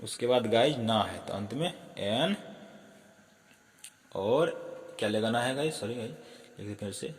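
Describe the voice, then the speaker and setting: A man's voice: lowish voice, expressive, moderate pace, long pauses, long reverb tail. A man teaching a casual spoken lesson who often stops to apologize and correct himself.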